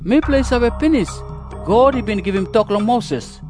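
Casting: scornful Pharisee, high voice, Papua New Guinean accent, scripture drama over prominent music. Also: male voice, lively intonation, moderate pace. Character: scornful, self-righteous male Pharisee berating a commoner.

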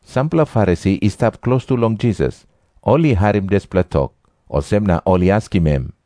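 A man's voice: lowish voice, animated, normal speed, warm tone, no echo, studio quality. A man with a Papua New Guinean accent narrating scripture from a script. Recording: prominent music behind the voice.

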